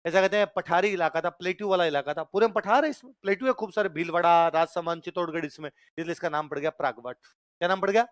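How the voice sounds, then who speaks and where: Rajasthani hindi teacher guy, highish clear voice, quizzing his class over and over, dry close sound. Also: fast talker, no echo. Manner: repeats questions to the class, storytelling asides. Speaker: history teacher. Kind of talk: classroom lecture with call-and-response questions.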